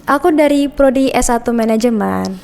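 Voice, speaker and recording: Young woman student from indonesia, fairly high voice, calm polite answers. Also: vocal fry, clean tone. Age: young adult. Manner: polite, measured answers with short agreements. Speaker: guest. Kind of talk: casual podcast interview.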